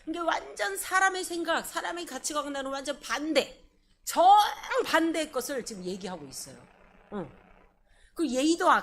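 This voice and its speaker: Woman pastor preaching in church, asks the crowd stuff a lot, faint background noise. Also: sits high. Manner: animated, asks the congregation questions. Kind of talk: sermon. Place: church service.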